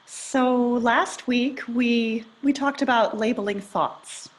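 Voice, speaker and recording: A middle-aged woman leading a guided meditation, talking in a calm, gentle, measured way. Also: fairly high pitch, husky. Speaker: meditation leader.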